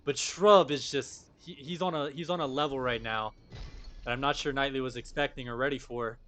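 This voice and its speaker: A young man doing live play-by-play commentary on a match, breaking into excited bursts of surprise. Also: medium pitch, moderate pace.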